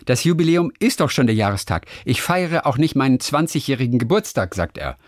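A man's voice: mid-range voice, big pitch swings, a little fast, no room sound, clean studio sound. A man co-hosting a chat podcast, joking around, rambling and reading out listener mail. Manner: playful, rambling, reads listener mail aloud. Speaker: podcast co-host. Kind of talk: casual chat.

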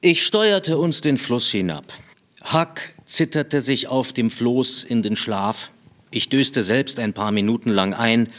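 A man reading a passage of literary prose aloud with steady, expressive narration. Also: medium pitch. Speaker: reader.

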